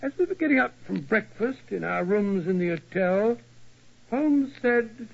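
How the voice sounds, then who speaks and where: A bluff older English gentleman doctor in a vintage radio play. The voice is notably high for a man and hoarse-edged, with an English accent, blustering and muttering amiably. The old recording sounds muffled. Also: lively intonation, a little slow, full character voice. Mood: reminiscing. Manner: blustery, muttering, puzzled interjections. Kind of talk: 1940s radio acting.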